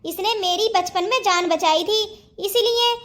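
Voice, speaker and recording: A woman voicing a gentle, devoted young wife in a cartoon family story, speaking politely and respectfully. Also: extremely high pitch, measured pace.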